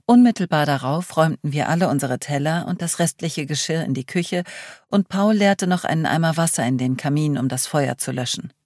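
A woman narrating a first-person novel in a steady, measured reading voice. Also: deep voice, no echo, studio quality. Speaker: audiobook narrator.

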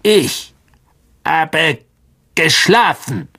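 A man voicing an ancient, blind, irritable male giant spider in a storybook reading, drawing his words out slowly. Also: fairly high pitch, animated, bright, forceful tone, slightly rough, pitched above the performer's own voice, heavily acted. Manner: drawn-out, slow, raised voice.

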